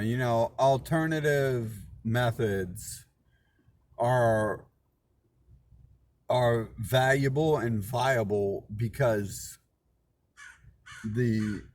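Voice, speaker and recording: There's a little hiss or hum under this man's slightly mellow, lowish voice. Hosting his own channel, he rambles loosely in an indignant, suspicious monologue, swearing frequently and restarting and repeating his words.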